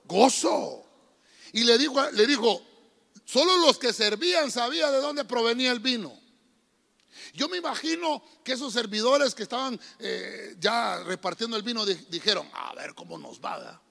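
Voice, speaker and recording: A man's voice: extremely high pitch, animated, normal speed, creaky, a bit bright. A man preaching as pastor to his church, emphatic and calling on the congregation to repeat phrases back to him. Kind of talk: sermon. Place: church hall. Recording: long church reverb.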